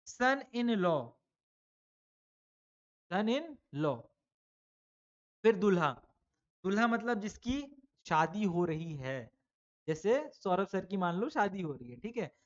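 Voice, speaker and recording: A man's voice: high-pitched, muffled recording. A male teacher giving an online exam-prep lesson to children, talking casually, calling the pupils "beta", and asking questions that he answers himself. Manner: asks students questions and answers them himself; chatty, addresses pupils as "beta".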